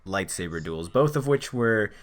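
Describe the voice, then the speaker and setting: A man chatting casually on a podcast, halting and hesitant, over a voice call. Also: fairly low pitch, animated, slight background noise. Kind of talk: casual chat. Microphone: computer mic on a voice call.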